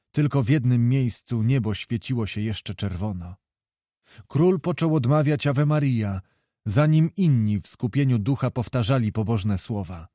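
A man narrating a historical novel in a measured, expressive storytelling voice. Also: medium pitch, no room sound, clean studio sound. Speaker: audiobook narrator.

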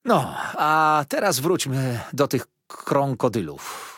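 Kindly plump nursemaid in a storybook, read by a man: warm, slow, emphatic, a little husky. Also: mid-range voice, sing-song, no echo, clean studio sound, heavily acted. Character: kind plump middle-aged nursemaid woman.

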